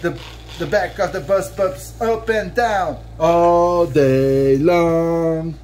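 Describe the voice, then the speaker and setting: Singing extremely slowly, a man in his thirties reads a children's song aloud from a book to his child, his fairly high voice a little mellow. Soft music plays in the background. On a bed in a bedroom, he's playful and sing-song and draws out line endings, picked up by a camera a few feet away.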